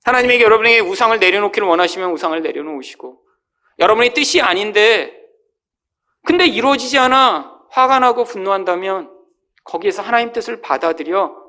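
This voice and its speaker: Bright-voiced, lively preaching man. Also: brisk. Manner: emphatic preaching, often addressing the congregation as "여러분"; swells to high exclamations, then drops low and quiet at phrase ends. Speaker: pastor. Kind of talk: sermon.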